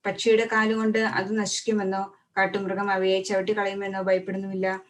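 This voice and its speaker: A woman reading scripture aloud at a steady pace, often stopping to restart a word. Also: medium pitch, brisk, far from the mic. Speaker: Bible reader.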